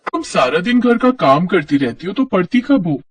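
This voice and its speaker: Gentle caring young bride, voiced by a man, husky and a bit high. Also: big pitch swings, moderate pace, distant mic, exaggerated voice. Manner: gentle, reassuring.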